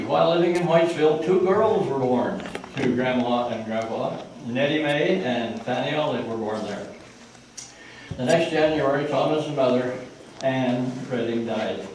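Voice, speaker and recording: A man's voice: medium pitch, darkish tone. Older man rambling through family history. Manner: rambling, with asides and restarts. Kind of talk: informal family history talk. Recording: echoey room, distant mic, background noise.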